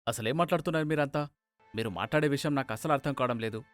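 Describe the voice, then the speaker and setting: A man's voice: medium pitch, racing, soft background music, close to an everyday voice. A man voicing a puzzled, defensive middle-aged schoolteacher in a cartoon story. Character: calm middle-aged male schoolteacher, bewildered.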